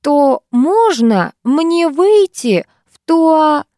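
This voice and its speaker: A woman's voice: high-pitched, big pitch swings, extremely slow, mellow, no echo, studio quality, pitched above the performer's own voice, full character voice. Woman doing a brash class-clown schoolboy. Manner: brash, theatrical declaiming. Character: loud cheeky teenage boy, class clown.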